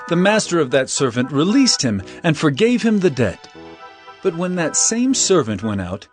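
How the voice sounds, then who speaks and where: High-pitched, animated Jesus, teaching over music. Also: male voice. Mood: solemn storytelling. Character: Jesus, earnest male teacher telling solemn parables. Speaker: voice actor in dramatized scripture. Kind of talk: dramatized scripture reading.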